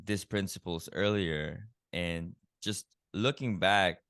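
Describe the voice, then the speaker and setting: A Filipino keto health coach recounts his personal story as a podcast interview guest, earnest and reflective, with many "you know" fillers. His voice is low and resonant, a bit bright and clean, with fairly even intonation and a slow pace. The sound is close and dry, with no room echo.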